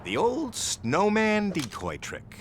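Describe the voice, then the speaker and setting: Smug, wildly animated crooked cop. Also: male voice, high voice, slow, a little hiss or hum, exaggerated voice. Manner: smug, mocking. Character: smug, crooked male lawman, sly villain. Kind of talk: adult cartoon voice acting.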